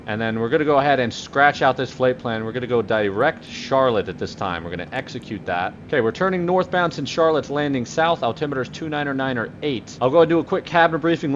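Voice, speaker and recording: Quick man on a pilot headset mic. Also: medium pitch, muffled recording, a little hiss or hum. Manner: brisk, dry and joking, swears casually. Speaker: flight simulator streamer playing airline pilot. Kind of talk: cockpit radio calls and casual narration.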